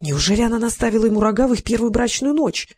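A reader voicing a frustrated young woman who speaks in a hushed, hesitant way. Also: mid-range voice, normal speed, husky.

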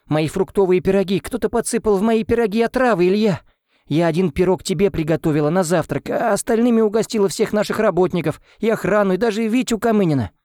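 A man's voice: on the high side, a little fast, warm tone, no room sound, studio quality, pitched above the performer's own voice, lightly acted. A man voicing a frightened, doting elderly woman nanny who pleads breathlessly and tearfully in an audiobook. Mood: panicked. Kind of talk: audiobook character voice.

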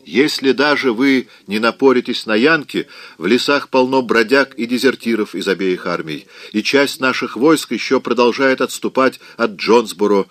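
A man's voice: medium pitch, moderate pace, hardly any pauses, fairly bright tone, no room sound, lightly acted. A man voicing a self-assured, blunt man in an audiobook, speaking firmly. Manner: firm, commanding. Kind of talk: audiobook reading.

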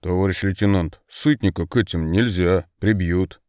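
A man's voice: sits low, normal speed, a little mellow, smooth, no room sound, studio quality, close to an everyday voice. A man voicing a worried prison guard reporting to his lieutenant.

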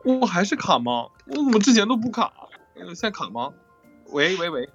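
A man hosts a casual question-and-answer cast chat about an audio drama over an online voice call, with music playing behind him. His voice sits high and sing-song at a moderate pace, the recording is muffled, and he often repeats and rephrases his questions.

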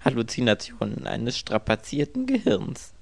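A man's voice: mid-range voice, wildly swooping pitch, moderate pace, creaky, voice pushed up, exaggerated voice. A man voicing an irritable, bewildered young writer who grumbles and mutters in exasperation.

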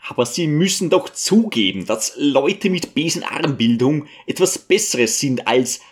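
A man's voice: sits high, very animated, slow, pitched above the performer's own voice, full character voice. A man voicing an agitated, timid male schoolteacher who stammers when flustered.

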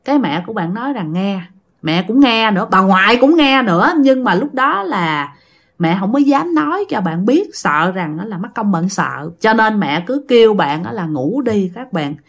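A woman's voice: mid-range voice, big pitch swings, normal speed. A woman telling a ghost story in a casual, chatty way, speaking straight to her listeners. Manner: chatty, addresses listeners directly.

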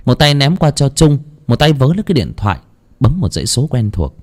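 A man narrating a ghost story in an expressive, dramatic storytelling manner. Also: mid-range voice, fairly quick.

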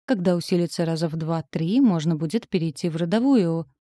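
A woman's voice: fairly low pitch, brisk, warm tone, no echo, lightly acted. Woman playing a scrawny old man doctor, nasal drone, matter-of-fact, dry sound.

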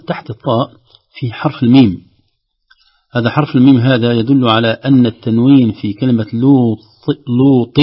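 A man teaching the rules of Quran recitation, speaking slowly and repeating words to show how they are pronounced. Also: medium pitch, breathy edge, muffled recording. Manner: slow, deliberate, repeats words to demonstrate pronunciation.

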